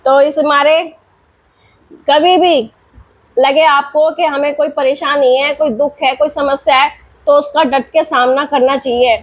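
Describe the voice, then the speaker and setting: A woman's voice: high-pitched, fairly even intonation, a little slow. A young woman vlogger and mother telling a home story in a chatty, rambling way, repeating herself as she goes, then drawing a moral.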